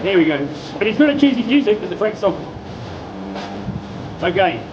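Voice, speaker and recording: This is live stage patter from a middle-aged New Zealand man presenting a sheep show on an outdoor county show stage, full of jokes and crowd hype. He speaks at normal speed in a high, sing-song voice. The audio is dull, with background noise and music, and he is far from the mic.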